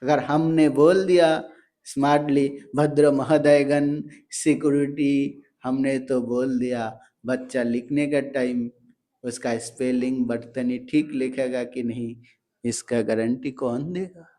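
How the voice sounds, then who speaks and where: A man's voice: medium pitch, steady tone, slow, warm tone. A man teaching parents in a motivational talk, explaining patiently and sounding words out syllable by syllable.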